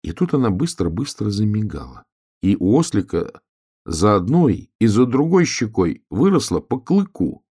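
A man reads a children's fairy tale aloud in a calm, measured, expressive way. His voice is very low with a gravelly texture. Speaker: narrator. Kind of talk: storybook reading.

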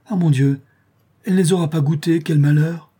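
Kindly old aunt, high and gentle, husky underneath , as a male narrator puts her on. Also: expressive, brisk. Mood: alarmed.

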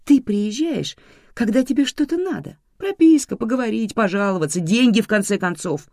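Playing a resentful young woman, a reader sets hard limits with the character's mother in a firm, reproachful tone, her pitch lively and swinging. She speaks at normal speed, and the recording is dry and close with no echo.

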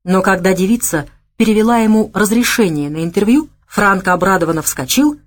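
A woman narrating an action novel in an even, clear storytelling manner. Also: medium pitch, fairly quick. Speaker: audiobook narrator. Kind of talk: audiobook narration.

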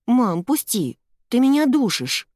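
A sheepish, mumbling young boy in a storybook reading, as a woman puts him on. The voice sits a little higher and swings about in lively rises and falls, recorded very dry and close. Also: a little slow, dry recording. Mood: uneasy.

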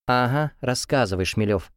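A man's voice: medium pitch, animated, normal speed, smooth, no echo, studio quality, lightly acted. A man voicing a playful young woman who teases her boyfriend. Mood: teasing. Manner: playful, teasing. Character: teasing lively young woman, his girlfriend.

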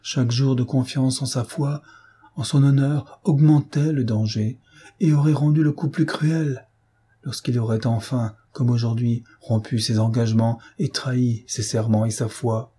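A man voicing a calm, consoling elder sister. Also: medium pitch, breathy edge. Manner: measured, consoling. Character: composed elder sister, gentle and reasoning.

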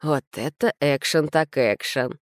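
A wry young hero speaks in a casual, offhand way, as a woman reading the story voices him. The voice stays low and close, with a dry sound. It is a figure in an audiobook. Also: a little slow, no echo.

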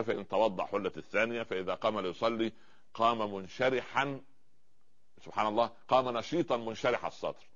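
A man's voice: fairly low pitch, dull audio. A man with an Egyptian accent giving a religious lecture, asking rhetorical questions and stretching out hesitations. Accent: Egyptian Arabic. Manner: rhetorical questions, fills gaps with drawn-out pauses. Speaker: preacher.

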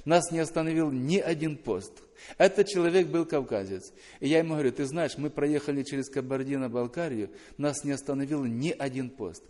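A man preaching a sermon to his congregation, swinging between loud emphatic appeals and low, quiet scripture reading. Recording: long hall reverb.

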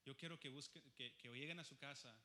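A young man preaching a sermon, moving between soft pleading and loud, fervent calls. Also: mid-range voice, a little fast, in a large hall.

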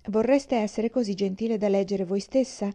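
A woman reading an audiobook voices a courteous young gentleman in her own measured, polite manner. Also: mid-range voice, natural voice. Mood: calm.

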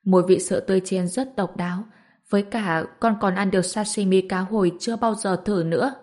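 A woman's voice: medium pitch, steady tone, a little fast, a little mellow, lightly acted. A woman narrator voicing a young woman's ghost who coaxes her mother sweetly in a storybook reading. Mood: gentle. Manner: sweet, coaxing.

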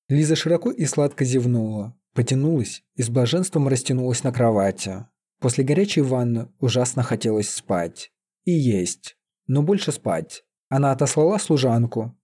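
A man calmly reading a fantasy story aloud as an audiobook narrator. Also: mid-range voice, slightly rough. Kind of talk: scripted narration.

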